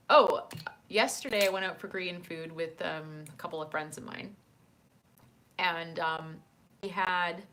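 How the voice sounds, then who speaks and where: A woman with a lowish voice chats loosely with her live-stream viewers, reading their messages aloud and answering as she goes. She laughs easily and fills her pauses with ums and uhs, talking close into a desk microphone. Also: fairly bright tone, slight background noise. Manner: chatty, laughs often, many fillers. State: hiccuping. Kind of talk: casual live-stream chat.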